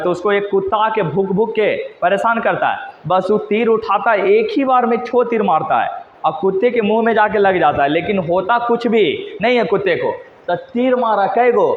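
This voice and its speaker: A man's voice: high voice, slight background noise. A male teacher, teaching geography by mnemonics, asking questions and answering them himself in repetitive call-and-response. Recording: echoey hall, dull lo-fi sound.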